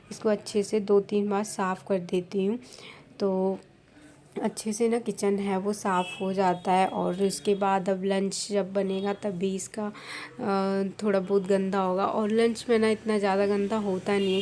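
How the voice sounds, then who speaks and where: A woman's voice: medium pitch, dark tone, a little hiss or hum. A young Indian woman, a vlogger from India, talking casually as she explains her household chores step by step. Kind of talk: casual voice-over narration.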